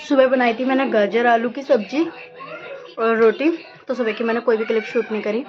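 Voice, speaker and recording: A woman's voice: a little high, highs cut off. A woman in her thirties, chatting casually and rambling while she shows her day and cooks at home. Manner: chatty, rambling, self-deprecating. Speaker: home vlogger. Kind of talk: casual home vlog with cooking.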